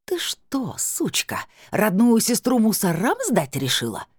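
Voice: mid-range voice, sing-song, moderate pace, darkish tone, no room sound, clean studio sound. A reader voicing a drunk, coarse middle-aged woman who shrieks slurred abuse. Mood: shrieking abuse. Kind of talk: audiobook character voice.

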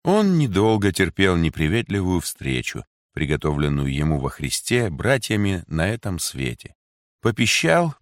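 Guy reading an old story aloud, lowish voice, very lively delivery. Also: no echo, clean studio sound.

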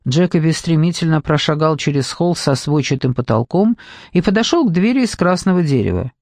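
A man narrates a scripted audiobook in an even, measured storytelling manner. His voice is on the high side, with clean studio sound and no echo.

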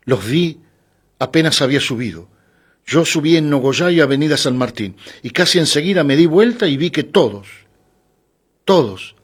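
Man doing a shy nervous young woman on a bus, soft and hesitant, higher voice, audiobook story. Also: expressive, moderate pace, slightly rough. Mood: timid, uneasy.

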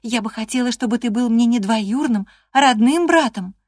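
Lady doing a headstrong teen girl, shrill and indignant, storybook reading, dry sound. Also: normal speed, dry recording, lightly acted. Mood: pleading. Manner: high, vehement and indignant. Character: spirited, stubborn teenage girl cousin. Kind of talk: audiobook character reading.

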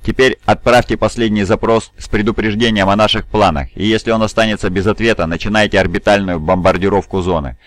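Guy reading as a bossy cold lord-commander, low voice, audiobook. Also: steady tone, fast talker, few pauses, dry recording, close to an everyday voice. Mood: commanding. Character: stern domineering male lord-commander.

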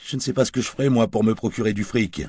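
A man's voice: lowish voice, fast talker, darkish tone, breathy edge, dry recording, clean studio sound, voice pushed up. A man doing a drunk, self-pitying aging gigolo. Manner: coarse slangy rambling, whiny.

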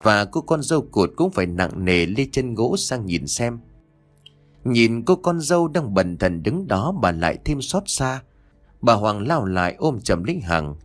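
A man narrating an audio story in a scripted, dramatic, expressive reading. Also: fairly low pitch, measured pace. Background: soft music.

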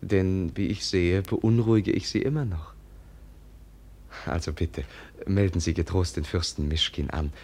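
Give the listener a young prince with a deep voice in a radio drama. He is courteous and humble. He explains himself with naive candour, hesitating politely as he goes. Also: steady tone, measured pace, darkish tone. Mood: earnest, polite. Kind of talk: German radio drama acting.

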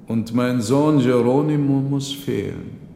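A man's voice: mid-range voice, slow pace, gravelly, warm tone, pitched above the performer's own voice. A man voicing an old grieving marchese, speaking in a pleading, emotional way. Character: old grieving male marchese, gentle host. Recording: roomy with long reverb, faint noise.

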